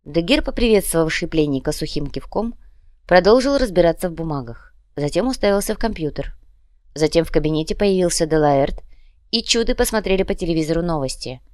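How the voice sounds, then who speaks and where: A woman's voice: lowish voice, animated, fairly quick, darkish tone, no echo. Woman narrating an audiobook, dry sound. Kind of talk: scripted narration.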